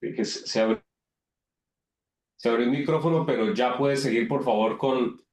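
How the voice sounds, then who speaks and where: A man with a mid-pitched voice hosts an online discussion, casually and courteously handing over the floor. His audio is noticeably roomy and echoing. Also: normal speed, a little mellow. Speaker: moderator. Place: remote online call.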